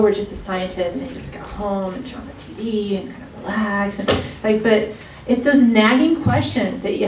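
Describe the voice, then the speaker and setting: Moderating a summit in a college event hall, a woman introduces the speakers in a rambling way, restarting her sentences again and again. Her voice is medium-pitched and a little mellow. It's captured by a distant mic in a roomy space, with slight background noise.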